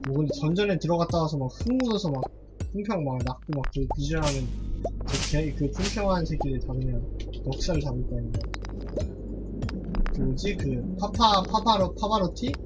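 A woman's voice: sits low, animated, moderate pace, music in the background. A woman live-streaming a farming game, rambling to herself with casual swearing.

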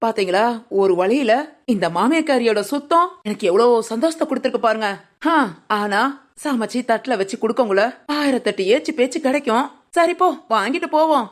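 A woman's voice: on the high side, expressive, a little fast, close to an everyday voice. A woman voicing a cheeky, lazy young village daughter-in-law in a cartoon, teasing and talking back. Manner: sly, teasing, talks back. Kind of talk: cartoon voice acting.

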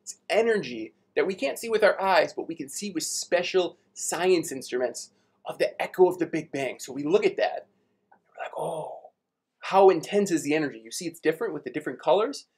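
A man's voice: a little high, expressive, fairly quick, slightly rough. A young man teaching a live online space class for kids at a whiteboard, chatty and playful, explaining big ideas with everyday examples. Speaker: science teacher.

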